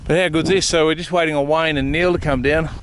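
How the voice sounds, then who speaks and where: A man's voice: a little high, fast, slight background noise. Chatty Australian man at a bush camp. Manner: relaxed, chatty, laughs easily. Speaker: vlog host. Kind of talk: casual chat to camera. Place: bush campsite outdoors.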